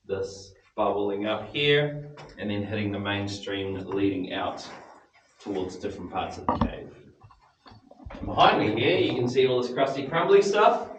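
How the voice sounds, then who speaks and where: A man working as a tour guide inside a cave, talking casually and instructively to a group, his voice carrying a cave echo. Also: fairly low pitch. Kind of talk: informal guided tour explanation. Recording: echoing cave, distant mic, faint noise.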